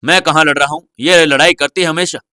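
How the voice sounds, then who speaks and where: A man voicing a proud little boy in an audio story, boastful and quick to whine. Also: a little high, fairly even intonation, sharp tone, clear, resonant tone, no room sound, studio quality. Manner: boastful, whiny pleading. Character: small boy, proud and easily hurt.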